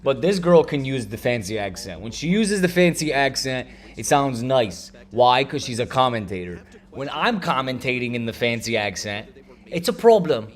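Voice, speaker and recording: A man hosting a live-stream watch party, chatting casually and teasing with loud bursts of mock outrage. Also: medium pitch, very animated, normal speed.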